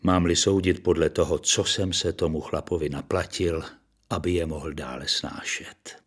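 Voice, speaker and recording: A man's voice: sits low, fairly even intonation, breathy edge. A man reading a story aloud in a dry, ironic storytelling manner.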